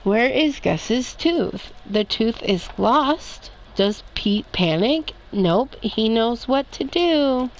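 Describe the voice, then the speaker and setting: Slow, high-voiced woman reading picture books. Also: slight background noise, poor audio. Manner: slow, expressive read-aloud. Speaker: storybook reader.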